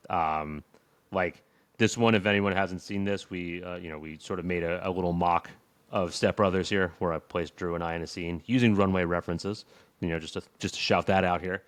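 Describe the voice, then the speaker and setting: A man's voice: low-pitched, steady tone, fairly quick, no echo. A man co-hosting a podcast in loose, chatty talk, laughing often and leaning on "like" fillers. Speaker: podcast co-host. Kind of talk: casual tech chat.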